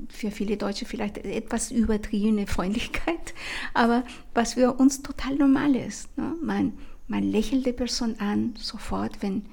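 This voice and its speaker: Breathy, gravelly woman podcasting. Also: mid-range voice, warm tone. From Chile. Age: 50s. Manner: enthusiastic, chatty storytelling with many fillers. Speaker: language teacher and podcast host. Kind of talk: casual podcast monologue.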